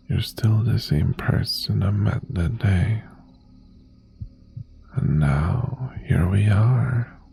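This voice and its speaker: A man voices a possessive, obsessive ex-boyfriend who is a mafia boss in an intimate ASMR roleplay, his tone quietly menacing and teasing, broken by long pauses. He half-whispers in an exaggerated, deep, mellow voice that is breathy and gravelly, with slight background noise.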